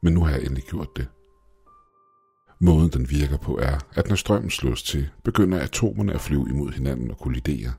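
A man voicing an obsessive, excitable young male astronomy student who talks eagerly and urgently. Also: extremely low pitch, gravelly, breathy edge, faint music behind, exaggerated voice. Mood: proud.

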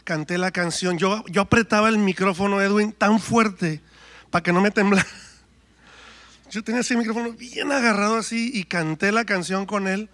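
A man's voice: high-pitched, moderate pace, fairly bright tone. A man, a worship singer telling his story and preaching in church, acting out quoted dialogue. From Mexico. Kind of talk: testimony and sermon.

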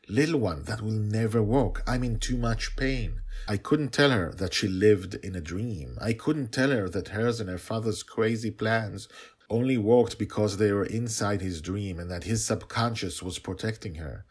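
A man voicing a formidable, devoted dragon who solemnly narrates his own dramatic tale in an audio story, with a husky voice. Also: fairly low pitch, moderate pace, pitched above the performer's own voice. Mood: anguished protest.

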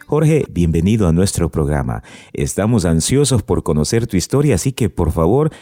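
Radio host guy asking interview questions, lowish voice, swoops up and down a lot. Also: big pitch swings, normal speed, warm tone, no echo, studio quality, soft background music. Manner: scripted, announcer-like questioning.

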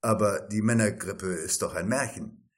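A man's voice: fairly low pitch, moderate pace, close to an everyday voice. A man reading an ironic probing interviewer. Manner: pointed, ironic questions.

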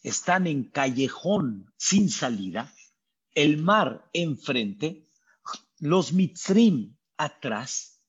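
A man with a Mexican accent giving a sermon as a rabbi, telling the story dramatically and acting out the people's voices with high cries. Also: big pitch swings, extremely slow, slightly rough. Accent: Mexican Spanish. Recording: dull lo-fi recording.

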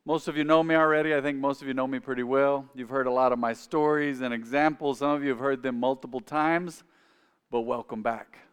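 Preaching fairly quickly in a smooth, medium-pitched voice with fairly even intonation, a pastor in his forties has his congregation repeat lines after him. The sermon takes place in a church sanctuary with the long reverb of a large hall.

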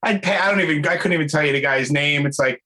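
A man in his forties with a Brooklyn accent, hosting a podcast interview in an excitable, slangy, casual way. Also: on the high side, fast. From Brooklyn, New York. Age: 40s. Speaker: podcast host.

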